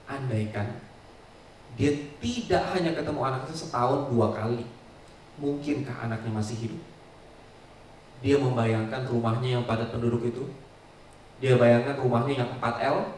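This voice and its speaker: A male pastor telling a story in a sermon, with a dramatic delivery that swings between loud and soft. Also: medium pitch, normal speed, long pauses, a little hiss or hum. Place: large church hall. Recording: echoey church hall, mic at distance.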